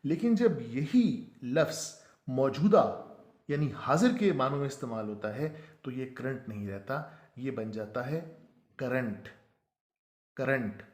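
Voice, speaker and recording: A man teaching a pronunciation lesson, who slows right down to spell out each word. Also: mid-range voice, animated, darkish tone, echoey room. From Pakistan. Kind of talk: explanatory lesson.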